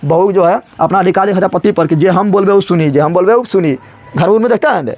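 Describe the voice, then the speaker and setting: Guy teaching fast, high voice, keeps asking and answering himself. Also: darkish tone, soft background music. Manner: repeats his own questions and answers them, addresses students directly. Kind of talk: classroom lesson explaining a story.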